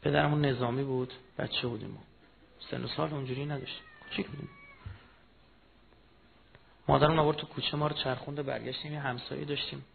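Gravelly man preaching, tinny lo-fi sound. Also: flat delivery, pauses often. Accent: Persian of Iran. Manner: swings from low murmured storytelling to loud impassioned rising cries. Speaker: religious speaker. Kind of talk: mourning sermon with personal story. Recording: tinny phone-like recording with faint noise.

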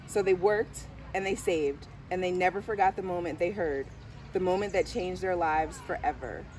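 A picture book is read aloud in storytelling fashion by a middle-aged school diversity director on an outdoor garden bench under trees. Her low-leaning voice is a little mellow and keeps a normal speed. Outdoor background noise reaches the camera mic a few steps away.

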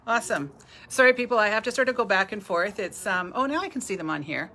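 A woman's voice: mid-range voice, lively intonation, fast, pushed and bright. Chatty woman hosting a live stream. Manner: chatty, laughs often, greets viewers by name. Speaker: bead store owner hosting a live stream. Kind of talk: casual live-stream chat.

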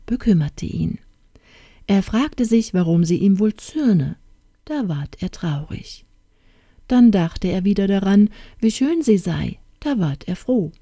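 A woman narrating a fairy-tale audiobook in a calm, measured storytelling manner. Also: on the low side, dry recording, clean studio sound.

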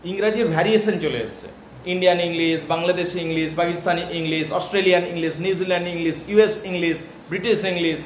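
A man with a Bengali accent teaching English literature in a classroom lecture, often pausing to check that students follow. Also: sits high, reverberant, slight background noise.

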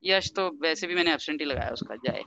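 A woman's voice: deep voice, expressive, vocal fry, fairly bright tone, dull audio. A woman teacher running an online class over a video call, explaining step by step and mixing Hindi with English. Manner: reads through an attendance list briskly.

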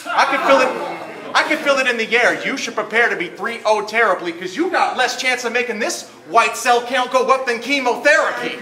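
A man from Arizona with a very high-pitched voice spits a brisk, taunting battle rap verse built around punchlines. He performs before a crowd at a barbershop event space, where the audience can be heard reacting. The room is echoey and the crowd is loud.

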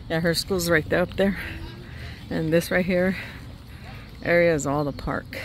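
A woman's voice: lowish voice, fairly even intonation, measured pace. An older woman vlogging on a walk through a park, chatting casually, slightly out of breath, and talking to her dog in baby talk. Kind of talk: casual walking vlog. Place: outdoors in a park, walking. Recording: outdoor phone audio with background noise.

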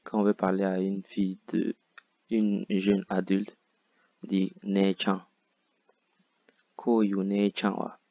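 Slow low gravelly teacher. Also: male voice, monotone, no echo, muffled recording. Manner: slow, repeats and breaks down Japanese words. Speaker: Japanese teacher. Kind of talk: explaining game dialogue line by line.

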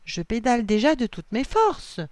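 A woman's voice: fairly high pitch, sing-song, measured pace, no room sound, pitched above the performer's own voice. A woman voicing an eager young boy in a children's story.

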